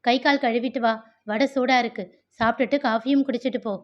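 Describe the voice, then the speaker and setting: A woman voicing a caring middle-aged mother who talks briskly and offers food. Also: fairly high pitch, steady tone, lo-fi sound, natural voice. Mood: motherly.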